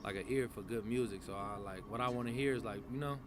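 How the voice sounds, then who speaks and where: A man's voice: mid-range voice, quick pace, background noise. A man, a rapper talking casually in an interview, loose and slangy with many fillers and restarts. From San Francisco Bay Area. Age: 20s. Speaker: rapper guest.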